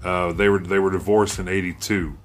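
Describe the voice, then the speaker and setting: A man's voice: low-pitched, little pitch movement, fairly quick. A man co-hosting a casual podcast, telling rambling, profane stories with lots of restarts. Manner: rambling storyteller, curses a lot, restarts often. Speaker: podcast co-host. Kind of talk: casual chat.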